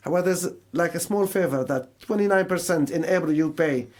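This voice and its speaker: A man from Syria, a service manager at a mental health charity, chats as a radio interview guest, explaining things through imagined quotes. He has a Syrian Arabic accent, and his voice is on the high side and fairly quick.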